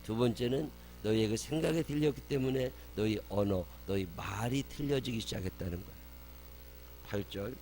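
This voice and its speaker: A male pastor preaching a sermon in a church, pitched in an ordinary middle range. He asks his listeners question after question and drives each answer home with emphatic repeats. A faint electrical hum runs underneath. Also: moderate pace, a little mellow.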